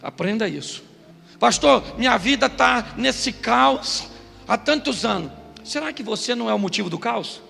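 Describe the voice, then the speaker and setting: A middle-aged Brazilian pastor giving a comic sermon in a church, bursting into shouts and acting out voices. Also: male voice, extremely high pitch, animated, moderate pace, vocal fry, big-room sound, soft background music. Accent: Brazilian Portuguese. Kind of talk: humorous Pentecostal sermon. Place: church hall.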